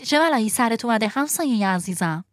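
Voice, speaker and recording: A woman voicing a kind, caring female marmot neighbor who talks in a gentle, consoling, lecturing way, in a storybook audio drama. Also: on the high side, animated, a little hiss or hum, close to an everyday voice. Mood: worried.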